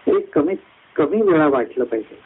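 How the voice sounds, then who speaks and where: A man giving a devotional discourse at a satsang, climbing high through lists of words and slowing down on key phrases. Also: expressive, breathy edge. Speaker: satsang speaker. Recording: tinny phone-like line.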